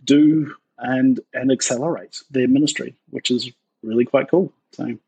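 A middle-aged man, talking in a relaxed and rambling way as a podcast guest. His voice has a husky edge, and the recording is close and dry, with no room sound. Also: mid-range voice, a little slow, no echo, low-quality recording. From New Zealand. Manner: outgoing, talkative, rambling. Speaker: podcast guest, ministry worker. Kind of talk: casual interview chat.

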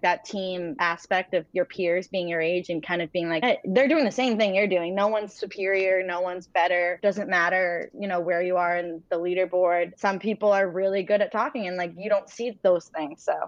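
A young woman talking casually in an interview, chatty and animated, with frequent fillers. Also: fairly low pitch, dry recording. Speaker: interview guest, former sales rep. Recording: dull, dry lo-fi sound.

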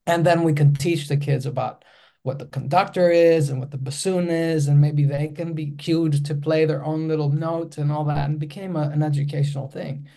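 A man's voice: fairly high pitch, fairly even intonation, moderate pace, gravelly, mellow. A Greek-accented man in his forties, a filmmaker guest in an interview, speaking hesitantly with many restarts. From Greece.

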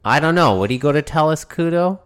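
Speaking briskly in a fairly high voice, this podcast co-host swears a lot and cracks jokes throughout the relaxed conversation. His manner is profane and animated.

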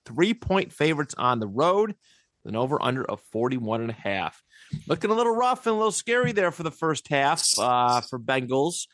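A man's voice: mid-range voice, fairly bright tone, no echo, clean studio sound. A man hosting a casual sports podcast, rambling and laughing often. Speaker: podcast host.

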